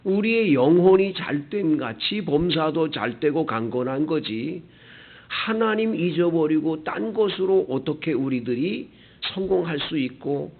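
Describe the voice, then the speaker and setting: A male pastor preaching an early-morning sermon, raising rhetorical questions with strong emphasis. His fairly high voice swings widely up and down. The sound is thin and tinny, like it came over a phone line. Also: animated, measured pace. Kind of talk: dawn prayer sermon.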